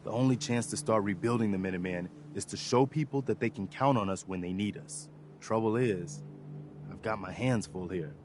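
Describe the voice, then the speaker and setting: A man's voice: fairly low pitch, a little fast, a little hiss or hum, lightly acted. A man voicing an earnest, polite male militia leader in video game dialogue. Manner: earnest, polite, asks favors.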